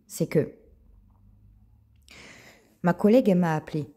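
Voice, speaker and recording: Low husky woman giving a testimony. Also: measured pace. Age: adult with a child. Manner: animated, repeats words, addresses listeners as friends; retells dialogue in quoted voices. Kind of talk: spoken personal testimony to viewers.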